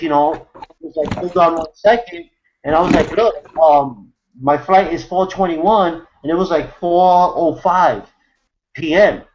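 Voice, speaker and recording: Man, high voice, rambling, lots of fillers, muffled lo-fi call audio. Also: a little mellow. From New York City, USA. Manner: rambling, many fillers and restarts. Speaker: host of an online hangout. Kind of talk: casual storytelling chat. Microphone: video call.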